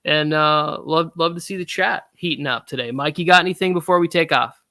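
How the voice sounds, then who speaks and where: A man's voice: a little high, fairly quick, pushed and bright, dry recording, clean studio sound. A man co-hosting a live sports fan show, chatting casually in a rambling, upbeat way. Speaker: podcast co-host.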